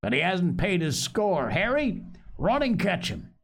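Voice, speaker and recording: A man's voice: mid-range voice, sing-song, a little slow. A man voicing a hearty, commanding one-legged old sailor and innkeeper with folksy seafaring talk, in an audiobook. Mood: indignant, loud. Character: jovial, commanding one-legged old sea-cook innkeeper, secretly shrewd. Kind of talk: audiobook character voice.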